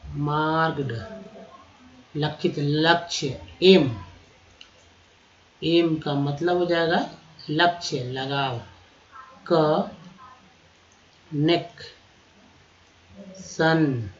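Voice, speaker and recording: Slow, spelling-out vocabulary teacher in echoey room. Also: medium pitch. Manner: slow, repeats each word and spells out letters. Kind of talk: vocabulary lesson. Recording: roomy echo, slightly dull lo-fi sound.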